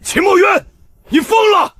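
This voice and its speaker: An actor playing an alarmed, loyal army officer, agitated and exclamatory, in an animated war drama. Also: male voice, very high voice, unhurried, full character voice. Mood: outraged. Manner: agitated, exclamatory, often shouting. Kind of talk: dramatized animated-comic dubbing.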